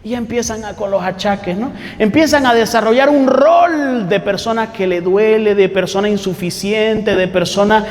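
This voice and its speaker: A man's voice: high-pitched, moderate pace, hardly any pauses, big-room sound. A man preaching a sermon, talking conversationally with rhetorical questions and mocking quotes of what people say.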